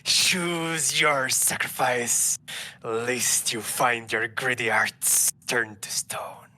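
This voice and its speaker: A man voicing a sinister serpent idol in a game, speaking slowly and sinking into a whisper. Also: medium pitch, steady tone, pushed and bright, heavily acted. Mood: menacing. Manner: slow, drawn-out, fading to a whisper. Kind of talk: improvised game voice acting.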